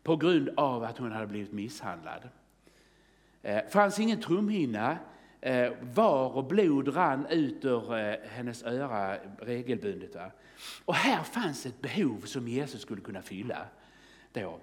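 A man's voice: medium pitch, sing-song. A man preaching a sermon, telling a testimony story in a fervent, exclaiming way and calling out halleluja. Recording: long reverb of a church hall.

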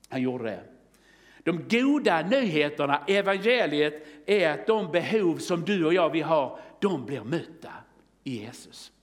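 Male preacher, fervent storytelling style, slightly high voice, long hall reverb. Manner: storytelling, exclaims halleluja, rises to excited testimony. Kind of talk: sermon.

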